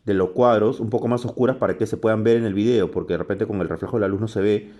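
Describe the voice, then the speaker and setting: A man teaching a drawing lesson while he sketches, chatty and relaxed, often checking in with "ok?" and correcting himself. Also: fairly low pitch, fast talker. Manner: chatty, frequent "¿ok?" and self-corrections.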